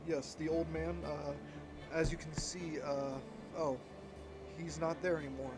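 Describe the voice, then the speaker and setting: Male gamer, slightly high voice, recorded under a blanket; rambling, unhurried let's-play commentary. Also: level tone, music in the background. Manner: rambling, halting with many fillers. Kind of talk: casual gameplay commentary.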